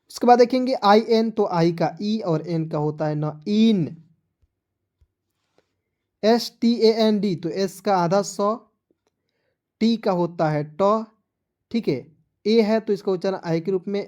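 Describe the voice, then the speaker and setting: Mellow-voiced man teaching phonics. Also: sits high. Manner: spells words letter by letter, then quizzes viewers; patient, repetitive explaining. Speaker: English teacher. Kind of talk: online phonics lesson.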